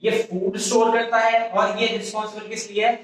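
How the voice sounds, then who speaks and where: Teacher, male, fairly high voice, drills pupils with repeated questions, recorded from a distance in a very echoey room. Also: little pitch movement, normal speed, fairly bright tone. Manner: repetitive call-and-response questioning, frequent self-corrections. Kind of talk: classroom biology lecture in Hindi-English mix.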